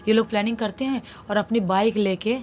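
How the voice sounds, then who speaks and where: A woman telling a horror story in a relaxed, conversational way for a storytelling channel. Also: medium pitch, fairly quick, over music. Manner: conversational, relaxed retelling with acted quotes. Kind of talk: casual spoken horror storytelling.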